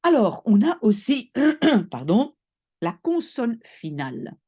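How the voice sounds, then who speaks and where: A woman language teacher patiently explaining spelling rules, often pausing to check that her students follow. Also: mid-range voice, very animated, mellow, slightly rough.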